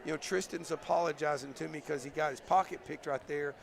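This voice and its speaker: Brief: hoarse, gravelly-voiced coach, mid-high pitch, halting postgame chat, crowd noise in the gym. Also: male voice, fairly even intonation. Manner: thoughtful, halting, many fillers and restarts. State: losing his voice. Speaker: basketball coach. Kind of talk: postgame interview.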